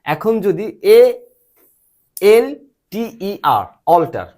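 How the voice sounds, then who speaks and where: A man teaching English pronunciation in a patient lesson, quizzing his student and spelling letters out slowly. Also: sits high, big pitch swings, darkish tone. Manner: asks frequent check questions and spells letters out slowly.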